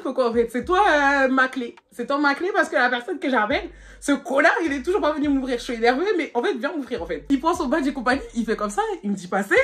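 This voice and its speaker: A young woman telling a story to her viewers, animated and slangy, swearing often and laughing nervously. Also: on the high side.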